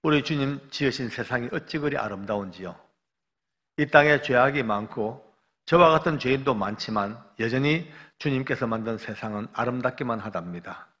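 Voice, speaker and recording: A man voicing a young condemned man who speaks gently and earnestly, in an echoey church hall. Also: mid-range voice, animated, moderate pace, lightly acted. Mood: calm.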